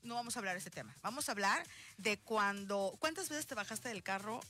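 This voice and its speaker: A Mexican woman hosting a radio show, chatting in a lively, joking way. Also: medium pitch, a little fast, faint music behind. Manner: animated, joking, intense. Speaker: radio host. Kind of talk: casual radio chat. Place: radio studio.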